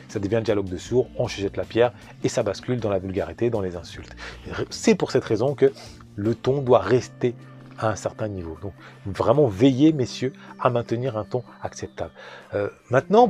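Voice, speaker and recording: Un homme, coach en relations de couple, qui donne des conseils aux hommes d'un ton posé et didactique, en s'adressant directement à eux. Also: male voice, medium pitch, mellow. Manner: measured, didactic, addresses men directly. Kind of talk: advice monologue.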